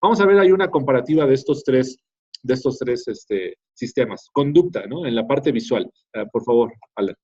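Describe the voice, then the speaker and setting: Man, teacher, conversational lecture, husky voice, muffled sound. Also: medium pitch, animated, moderate pace, darkish tone. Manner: conversational, tags many phrases with "¿no?". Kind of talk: classroom lecture. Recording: dull lo-fi classroom recording.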